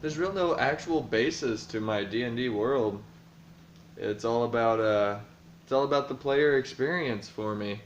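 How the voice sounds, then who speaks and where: Speaking at a measured pace in a medium-pitched voice, a man casually vlogs about running his tabletop campaign as dungeon master. He thinks aloud and fills his rambling with fillers, and the home room recording is roomy, dull and lo-fi, with slight background noise.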